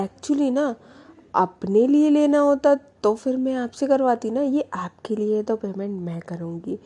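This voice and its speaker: A woman's voice: on the high side, measured pace, dark tone. A woman voicing a sweet, stubborn young woman who coaxes and pleads for what she wants. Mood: earnest.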